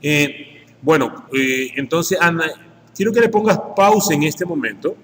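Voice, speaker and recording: Man, Ecuadorian Spanish accent, English teacher, step-by-step explanations, fairly high voice, reverberant room with faint background noise. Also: lively intonation, a little slow. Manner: explains step by step, tags sentences with "¿sí?". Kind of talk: screen-share grammar lesson.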